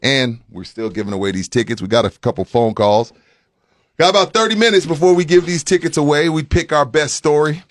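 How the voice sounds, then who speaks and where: A man's voice: a little high, animated, brisk, dry recording. A man hosting a morning sports talk radio show, casual and opinionated, who repeats points for emphasis and takes listener calls. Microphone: studio mic.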